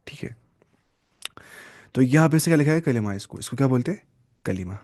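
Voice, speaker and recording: A man gives an online Arabic grammar lesson at an average pitch. He works through the material step by step and asks the class questions that he then answers himself. He mixes in English terms and slows down to read Arabic words. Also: expressive, darkish tone. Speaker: Arabic teacher.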